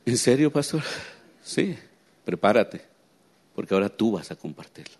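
A man preaching a sermon, swinging between quiet low asides and high excited emphasis and often asking his listeners questions. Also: normal speed, breathy edge. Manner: asks the congregation rhetorical questions.

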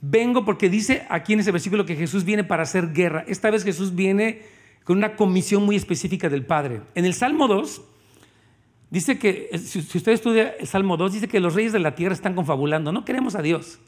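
A Mexican preacher with a high voice delivers a sermon. He talks with the congregation in a casual, animated way rather than reciting. He mixes in plain everyday speech. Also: fairly quick. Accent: Mexican Spanish. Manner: lively, conversational, addresses the congregation.

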